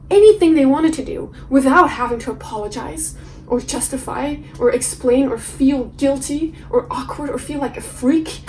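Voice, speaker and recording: A woman's voice: high-pitched, darkish tone, a little hiss or hum, close to an everyday voice, rough recording. An actress playing a defiant woman who delivers a dramatic monologue of mounting rhetorical questions. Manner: building, impassioned rhetorical questions. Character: defiant woman who resents being seen as nice. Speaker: actor in a showreel scene.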